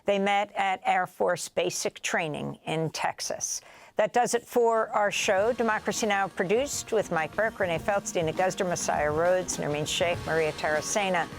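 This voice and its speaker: A woman news host wrapping up a broadcast, reading the closing credits in a brisk, scripted way. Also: on the low side, soft background music.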